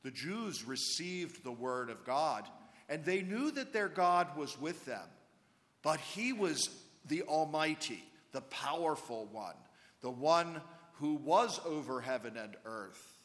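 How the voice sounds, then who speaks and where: A man serving as priest at Mass, reading the Gospel and preaching in a slow, measured liturgical manner, his voice carrying a cathedral echo in a large church. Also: fairly high pitch, animated, a bit bright. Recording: long church reverb.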